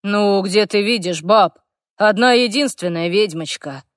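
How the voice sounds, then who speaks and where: Woman doing a gruff exasperated dragon man. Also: mid-range voice, unhurried, no echo, studio quality, natural voice. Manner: brusque, snapping retorts. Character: male dragon in human form, gruff and exasperated. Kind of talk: audiobook character voice.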